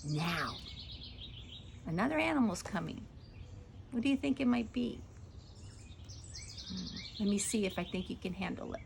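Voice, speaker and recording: A woman's voice: mid-range voice, lively intonation, normal speed, gravelly, pauses often, slight background noise. A woman reading a children's story aloud, playful, stretching dramatic words and asking the listener questions.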